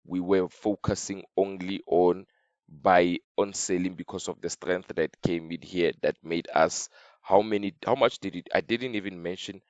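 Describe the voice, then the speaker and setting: A man with a slightly off voice teaching a trading lesson over a chart, halting and repeating himself as he draws. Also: low voice, steady tone, a little mellow, no room sound, muffled recording. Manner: repetitive, halting, talks while drawing on chart. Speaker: trading signal educator. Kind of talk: screen-share trading lesson.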